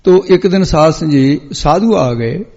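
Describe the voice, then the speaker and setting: A man giving a Sikh katha sermon, telling a story and chanting scripture lines slowly before explaining them. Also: a little high, expressive, darkish tone, slightly rough. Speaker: Sikh preacher. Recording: echoey hall, dull lo-fi sound.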